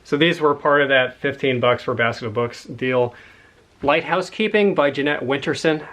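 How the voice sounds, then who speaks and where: A man's voice: medium pitch, bright, forceful tone. A man in a casual, rambling chat about books he has found, enthusiastic and a little out of breath. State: slightly out of breath. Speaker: book collector showing a haul.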